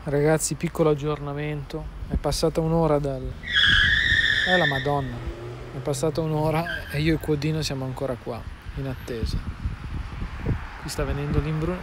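Male vlogger, northern Italian accent, lightish pitch, wry and exasperated, recorded outdoors with noticeable background noise. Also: little pitch movement, moderate pace. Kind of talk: casual vlog to camera. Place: outdoors at a roadside. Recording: noisy outdoor roadside.

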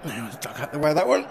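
A man giving relaxed, chatty running commentary on his own play in a VR cricket game, with quick exclamations. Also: fairly high pitch, gravelly. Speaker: gaming video creator. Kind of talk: live commentary while playing a VR cricket game. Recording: steady background noise.

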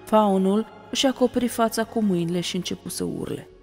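A woman narrating an audiobook with expressive storytelling. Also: mid-range voice. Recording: reverberant room, faint music.

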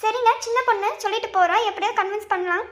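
A woman's voice: extremely high pitch, fairly even intonation, racing, fairly bright tone. A woman voicing an anxious young wife in a cartoon family drama, pleading and coaxing her husband.

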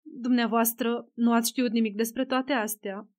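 A woman voicing a shrewd, polite male detective asking calm questions in an audiobook. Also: fairly high pitch, close to an everyday voice. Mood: inquiring.

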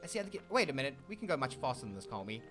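A man with a South African accent hosting casual gameplay commentary, excitable and talking straight to his viewers. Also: medium pitch, very fast, faint music behind. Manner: excitable, keeps addressing viewers as "ladies and gentlemen"; meows and plays along as his kitten character. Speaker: gaming channel host.

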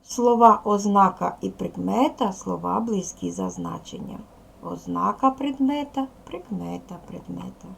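A woman's voice: medium pitch, unhurried, vocal fry, husky. A woman teaching a recorded primary school lesson, patiently asking questions and answering them herself. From Ukraine.

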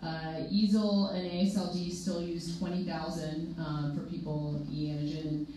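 Moderating a panel in a projector-equipped conference room, this young clinician is chatty and explanatory, tossing in quick asides, though her low voice sounds flat and mellow. She's picked up by a podium mic and filmed from across the room, leaving the audio distant, echoey, and faintly hissy.

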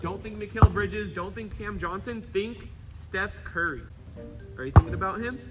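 A man's voice: high voice, moderate pace, over loud music. A man in his twenties bantering casually in a vlog, needling in bro slang like a frat bro. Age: 20s. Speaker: vlogger. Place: outdoor backyard court and living room. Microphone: handheld camera at some distance.

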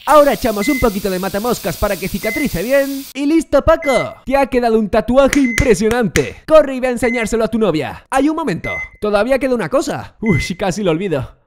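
A man hosting comic VR gameplay as a mad doctor, theatrical and loud, sometimes breaking into goofy songs. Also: extremely high pitch, very animated, brisk, few pauses, noisy background. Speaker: VR gaming host playing a doctor. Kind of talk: comic gameplay role-play. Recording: music playing behind.

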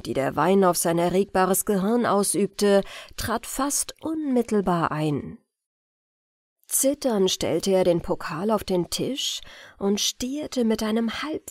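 A woman reading a spooky tale aloud as a calm, measured bedtime audiobook narrator. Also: medium pitch, no echo, studio quality. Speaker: audiobook reader.

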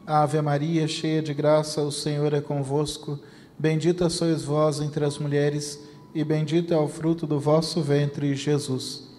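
A man with a Brazilian Portuguese accent reciting the rosary in a steady chant. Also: a little high, a little slow. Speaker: rosary prayer leader. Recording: long reverb with faint noise.

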